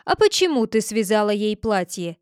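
A woman's voice: mid-range voice, sing-song, moderate pace, clear, resonant tone, no echo, studio quality, close to an everyday voice. A woman reading a storybook, voicing a stern male judge who questions sharply. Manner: interrogating, insistent.

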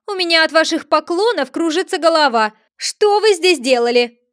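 A woman reading aloud and voicing a shrill, tyrannical queen of cards who barks curt orders. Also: normal speed, fairly bright tone, no room sound, clean studio sound. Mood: shrieking rage. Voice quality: shrill, shrieking.

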